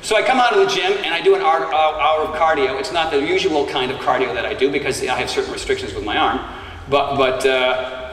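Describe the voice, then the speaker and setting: A middle-aged man telling a story to a live audience from a conference stage, animated and moving around as he talks. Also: medium pitch, slight background noise. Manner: energetic, animated, moves around the stage while talking. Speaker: fitness speaker. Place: large conference hall stage. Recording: echoey hall captured from far off. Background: audience laughter.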